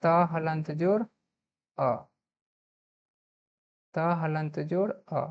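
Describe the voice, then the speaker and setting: A woman with a low voice and a Bihari Hindi accent gives an online grammar lesson at a slow, careful pace. She spells each word out letter by letter and answers her own questions. The recording sounds dull and lo-fi. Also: darkish tone. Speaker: teacher.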